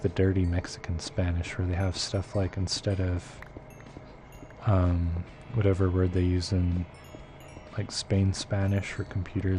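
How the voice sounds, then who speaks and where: Over a noisy background, a deep-voiced man live-streams a game and chats casually with his viewers. He rambles as he thinks aloud, filling his speech with plenty of fillers.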